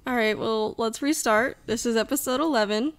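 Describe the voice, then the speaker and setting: A woman co-hosts a casual podcast from her couch at home, chatting and venting with exasperation and laughter. Her voice is on the high side at a normal speed, picked up by a home podcast mic.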